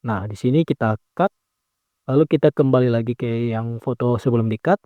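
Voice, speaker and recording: The audio is narrow and tinny but echo-free as a man with a mid-range voice teaches a phone video edit. Speaking at normal speed, this editing tutor calmly goes step by step through the screen tutorial, with frequent "nah" and self-corrections.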